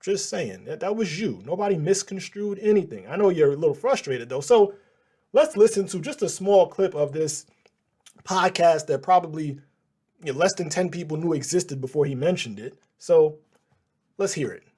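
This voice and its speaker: News guy reacting to clips, sarcastic and fed up, kinda high voice, says bro a lot. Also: expressive, normal speed, warm tone, breathy edge. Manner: sarcastic, exasperated, slangy. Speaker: news channel host. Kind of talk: casual commentary reacting to clips.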